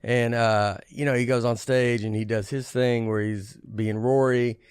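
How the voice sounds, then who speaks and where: A stand-up comedian chatting on a podcast in a rambling way, with many halting restarts. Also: male voice, medium pitch, little pitch movement, darkish tone, clear, resonant tone, no room sound, studio quality. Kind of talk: casual podcast chat.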